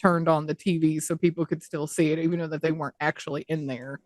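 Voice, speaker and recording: A woman's voice: low voice, fast, no room sound. Woman, ranting animatedly. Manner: animated, profane ranting with mocking quoted voices. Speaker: podcast co-host. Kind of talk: casual chat.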